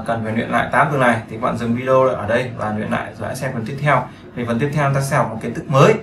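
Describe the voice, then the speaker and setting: A man's voice: medium pitch, a bit bright, echoey room, a little hiss or hum. A man teaching a beginner English lesson, explaining patiently and often checking that listeners follow. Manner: patient, repetitive explaining with frequent check-in questions.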